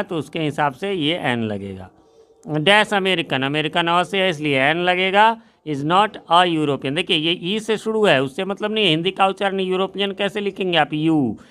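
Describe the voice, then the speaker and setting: Male grammar tutor, higher-pitched and smooth, reads examples slowly and deliberately. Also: pushed and bright. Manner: slow, deliberate reading of example sentences, frequent tag question "है ना". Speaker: English grammar teacher. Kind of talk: explanatory grammar lesson.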